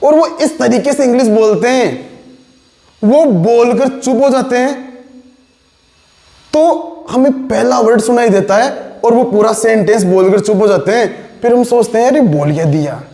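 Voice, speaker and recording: Indian man, high voice, unhurried delivery, long reverb, classroom english teacher. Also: dark tone. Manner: mixes Hindi and English, models sentences slowly for students to repeat. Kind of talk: classroom lesson in Hindi mixed with English. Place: classroom with students.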